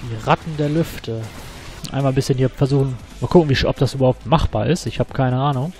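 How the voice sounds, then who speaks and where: A man hosting his own gaming channel, giving excitable, slangy let's play commentary and swearing often. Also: mid-range voice, brisk, faint music behind.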